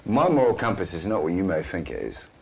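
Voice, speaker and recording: A man's voice: low voice, wildly swooping pitch, brisk, gravelly, a little mellow, a little hiss or hum, full character voice. A man playing a worldly street rogue in a tabletop game, talking casually with "mate" and "lad". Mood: earnest.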